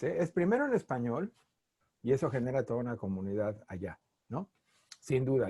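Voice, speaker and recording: A middle-aged man with a Mexican accent, a linguist being interviewed, talking in a playful, animated way. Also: mid-range voice, slightly rough, no room sound. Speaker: linguist guest. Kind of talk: conversational interview.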